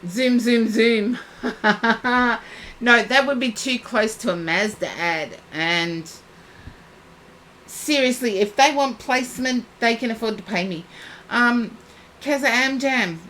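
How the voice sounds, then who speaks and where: A woman's voice: on the high side, animated, takes it slowly, sharp tone, slight background noise, low-quality recording. A woman giving psychic readings on a live stream, chatting and addressing viewers by name. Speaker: psychic reader.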